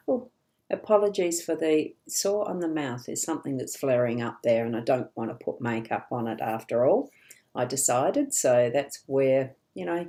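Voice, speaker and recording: Chatty female psychic host, low warm voice, rambling live card reading. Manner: chatty, laughing, rambling asides. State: hiccups.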